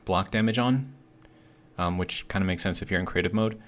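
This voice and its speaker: A man's voice: sits low, brisk. A man giving casual gameplay commentary as a video host, thinking aloud hesitantly, with slightly awkward articulation. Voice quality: slightly awkward speech from a healing bitten tongue. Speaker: host of a gaming video series.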